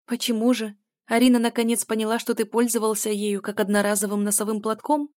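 A woman's voice: a little high, monotone, brisk, darkish tone, no echo, pitched above the performer's own voice, natural voice. Woman reading young mother, indignant, cutting, raised voice, audiobook dialogue, dry. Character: sharp-tongued young mother, bitter toward ex.

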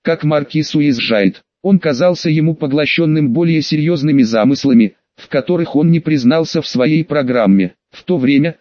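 A man narrating an audiobook in an even, measured reading, voicing the quoted dialogue lightly. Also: fairly high pitch, no room sound. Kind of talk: scripted narration. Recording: dull lo-fi dry recording.

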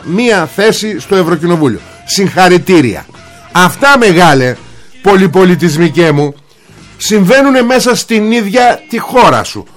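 Sarcastic, blunt male political commentator. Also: high voice. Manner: sarcastic and blunt, with crude jabs. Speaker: talk show host.

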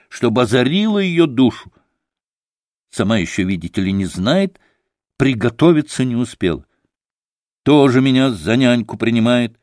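A man's voice: medium pitch, darkish tone, dry recording, clean studio sound. A man reading an audiobook, voicing an irritable, feverish young man who speaks curtly and sardonically. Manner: curt and sardonic.

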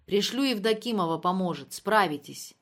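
A woman voicing a stubborn male boss in an audiobook, shouting orders and insisting. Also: mid-range voice, lively intonation, moderate pace. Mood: insistent.

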